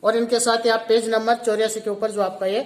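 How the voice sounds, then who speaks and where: A man's voice: high-pitched, little pitch movement, a little fast. A male teacher giving a recorded lesson to seventh graders. He explains each point step by step and repeats every word several times. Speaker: school teacher.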